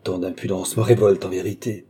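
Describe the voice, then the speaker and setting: A man's voice: low-pitched, fairly even intonation, brisk, dark tone, slightly rough. A man voicing a haughty royal princess who gives commands and grows alarmed, read in an audiobook. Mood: imperious. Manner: commanding, indignant. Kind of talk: audiobook character reading.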